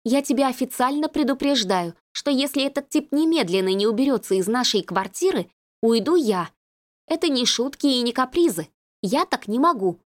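A woman reading a story and voicing a sharp-tongued, easily rattled young woman in an indignant, sarcastic manner. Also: sits high, pitched above the performer's own voice.

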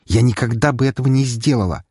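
A man voicing a frightened, indignant young woman prisoner in an audiobook, with a high-strung, protesting manner. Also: fast talker, darkish tone, slightly rough, dry recording, clean studio sound, lightly acted. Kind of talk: audiobook character voice.

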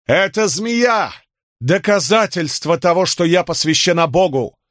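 A man reading an audiobook, voicing a commanding female priestess who proclaims her visions slowly and solemnly. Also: sits high, lively intonation, fairly bright tone, no room sound, studio quality, pitched above the performer's own voice. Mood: exalted proclaiming. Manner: slow, exalted, declamatory.

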